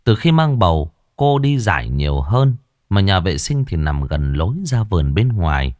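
A man with a fairly low voice reads a story aloud, letting his pitch swing in a lively way. His delivery is measured and expressive. The recording is dry and close, with no room sound. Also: no room sound. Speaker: audiobook narrator. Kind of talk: storytelling narration.

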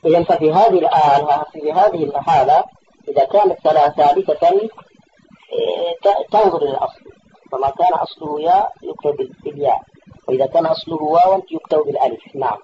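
A man's voice: on the high side, quick pace, warm tone, highs cut off, a little hiss or hum. A man teaching a classical grammar text, patiently explaining points and correcting his student. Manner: patient, repeats and corrects the reader, asks checking questions.

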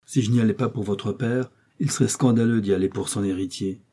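A blunt, easygoing young gentleman, voiced by a male reader, answers in brusque, offhand retorts. The voice stays low, dark and a little husky. He belongs to a read-aloud classic novel. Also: steady tone, brisk, natural voice. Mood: dismissive.

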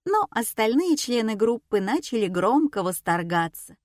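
A woman narrating an audiobook in the first person, wry and even. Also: a little high, moderate pace, dry recording, clean studio sound.

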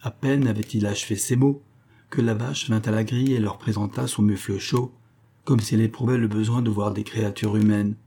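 Male audiobook narrator, measured and steady, mellow dark timbre. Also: lowish voice, slightly rough.

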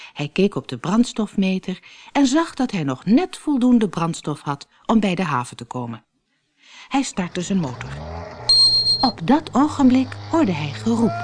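A woman reads a children's story aloud with an expressive, storytelling lilt. Her voice sits low but rises and falls lavishly, and soft music plays quietly beneath her. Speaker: storybook narrator. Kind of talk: scripted narration of a children's story.

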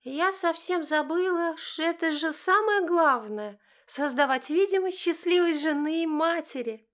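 A woman's voice: very high voice, unhurried, a bit bright, voice pushed up. A woman reading an audiobook, voicing a brazen, venomous teenage girl with sarcastic defiance. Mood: mocking. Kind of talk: audiobook character voice.

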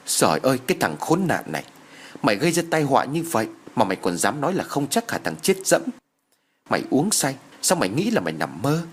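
A man's voice: medium pitch, very animated, brisk, slight background noise, lightly acted. A man voicing a distraught older village mother who wails and scolds. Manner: wailing and scolding.

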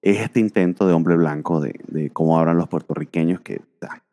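A man's voice: low voice, normal speed, mellow, in a large hall. A man co-hosting a casual podcast about comic books, rambling with many fillers. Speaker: podcast co-host.

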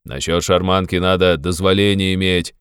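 A man's voice: low voice, level tone, normal speed, fairly bright tone, clear, resonant tone, no echo. A man reading an audiobook, voicing an officious policeman who speaks in stilted formal phrases. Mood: stern. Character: stiff, officious male policeman.

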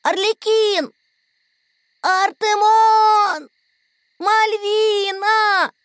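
A man voicing a stubborn, eager wooden puppet boy who calls out loudly. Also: extremely high pitch, very animated, slow pace, no echo, clean studio sound, voice pushed up, exaggerated voice. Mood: calling. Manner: calling out loudly.

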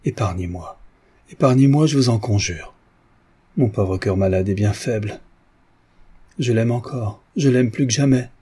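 A man's voice: medium pitch, a little slow, pauses often, mellow, slightly rough. A man voicing a heartbroken, proud grown son who speaks in a restrained, pleading way in an audiobook.

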